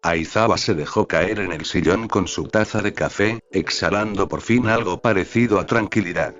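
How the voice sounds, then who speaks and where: A man narrating a fan fiction story in a steady, even reading voice. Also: sits low, moderate pace. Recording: slightly dull audio with faint background music.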